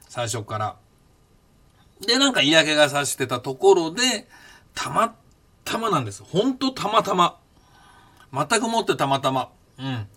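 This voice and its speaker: An older Japanese man looks back on his past as a podcast host, thinking out loud in a meandering way with many fillers and false starts. His medium-pitched voice comes across as pushed and bright.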